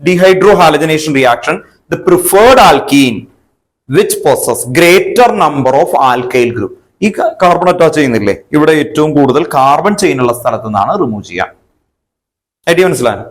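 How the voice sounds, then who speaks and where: A man teaching a chemistry lesson. He asks his students questions and then answers them himself, and he spells terms out slowly. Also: mid-range voice. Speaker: chemistry tutor. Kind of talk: online exam-prep lesson.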